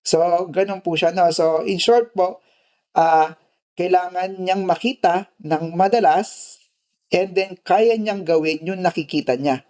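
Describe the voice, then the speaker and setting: Filipino-accented male nursing lecturer, higher pitch, chatty, keeps checking in with his students. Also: unhurried, warm tone. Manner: tags nearly every phrase with "di ba" and "no"; switches constantly between Filipino and English. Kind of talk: casual classroom lecture.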